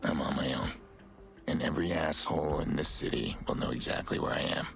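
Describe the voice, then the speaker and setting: An actor playing a grizzled, weary middle-aged vigilante in a video game, with a low gravelly growl and a terse, dry, guarded manner. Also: male voice, steady tone, a little fast, music in the background, full character voice.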